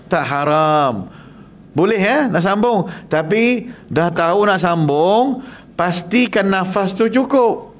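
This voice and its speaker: A man whose voice sits high teaches Quran recitation to a class in a prayer hall, speaking with a Malaysian Malay accent. He's upbeat and joking, testing his listeners with questions and modeling Arabic sounds for them.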